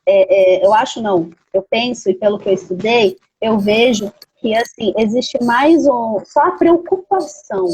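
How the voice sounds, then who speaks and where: A woman, a guest in a casual conversation, speaking in a measured, reflective way. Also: on the high side, darkish tone, husky, low-quality recording. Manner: measured, reflective, many fillers like "assim" and "né".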